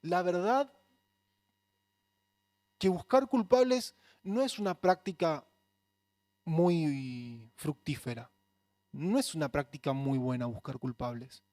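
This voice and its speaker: A man's voice: on the high side, takes it slowly, pauses often, a little mellow, dry recording. A man preaching a sermon in a Rioplatense accent, earnest and conversational. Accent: Rioplatense Spanish. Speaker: pastor.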